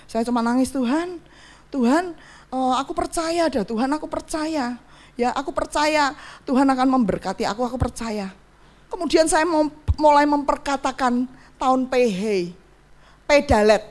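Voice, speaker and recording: A woman preaching in a church service and giving a personal testimony, with emphatic rises between quiet, low stretches.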